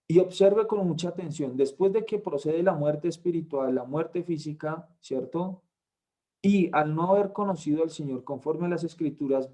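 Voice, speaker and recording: A man, tutoring a Bible class, who explains slowly and keeps checking understanding with short questions. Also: on the high side, darkish tone. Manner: explains slowly, asks "¿cierto?" after points.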